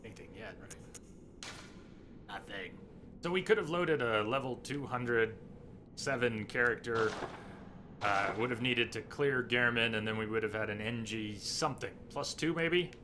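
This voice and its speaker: A man giving casual live gameplay commentary as a streamer, haltingly thinking aloud. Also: mid-range voice. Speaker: video game streamer. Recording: noisy, game sound behind voice.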